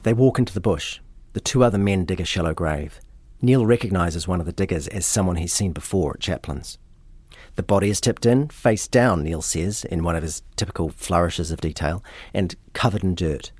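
A man, hosting and narrating a true-crime story in a measured, matter-of-fact way. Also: low voice, a little mellow, slightly rough, no room sound. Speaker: podcast host.

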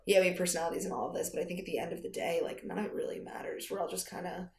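American woman, low and lazy with vocal fry, casual podcast guest, roomy sound. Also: steady tone, rapid-fire. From United States. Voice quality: deep voice. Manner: lazy, effortful-sounding drawl. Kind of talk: casual chat. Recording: roomy echo.

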